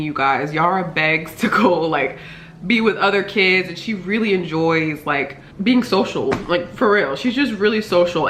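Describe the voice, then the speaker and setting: A young woman chats loosely through a viewer Q&A, stringing thoughts together with plenty of fillers. Her voice sits a little low for a woman, and it carries a noticeable echo from the room around her. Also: fairly bright tone. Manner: chatty, many fillers, talks while eating. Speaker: vlogger. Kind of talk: casual Q&A chat. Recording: echoey room.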